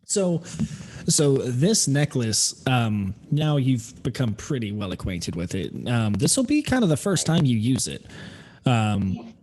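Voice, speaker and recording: Guy game master narrating a tabletop rpg, slow pace, medium pitch. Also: big pitch swings, a little mellow.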